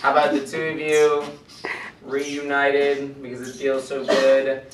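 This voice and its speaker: A man hosting a podcast, rambling through a rough rehearsal and telling the others what to say, with lots of fillers. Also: mid-range voice, completely flat delivery, a little slow, faint music behind. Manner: rambling, giving directions with fillers. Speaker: podcast host. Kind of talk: casual rehearsal chat. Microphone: far camera mic. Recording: roomy, distant camera mic with loud noise.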